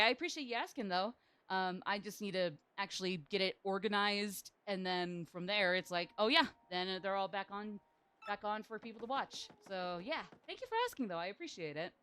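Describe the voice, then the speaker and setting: A woman's voice: mid-range voice, brisk, fairly bright tone, smooth. A young woman game streamer chatting casually, rambling with lots of fillers and apologies. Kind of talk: casual livestream chat.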